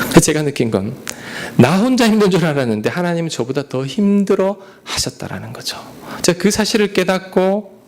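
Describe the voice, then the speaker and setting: Male pastor preaching, gravelly voice, pitch jumps all over, loud bits then near whispers. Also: slight background noise. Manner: earnest preaching, sudden loud rises and soft whispered asides. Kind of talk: sermon.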